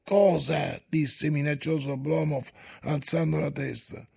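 A man narrating a novel in a calm, measured reading voice. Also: fairly high pitch, vocal fry, breathy edge. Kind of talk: storybook reading. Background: faint music.

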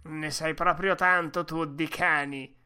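A woman voicing a harsh, impatient young man in a storybook reading, loud and barking. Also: low voice, fairly even intonation, slow, smooth, heavily acted. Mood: scornful.

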